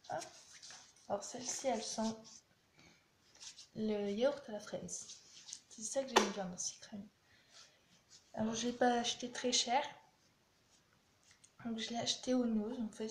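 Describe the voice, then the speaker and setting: A young woman vlogger reviews a beauty product casually, speaking bluntly and with animation. Her voice is a little high and a little slow, and she pauses often. The room echoes, with faint background noise.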